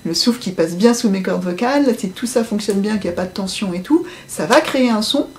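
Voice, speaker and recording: A woman's voice: mid-range voice, expressive, fairly quick, darkish tone. A woman voice coach explaining how speech works, acting out example phrases in different tones as she talks. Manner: demonstrative, acts out example phrases in varied voices. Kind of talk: explanatory interview talk.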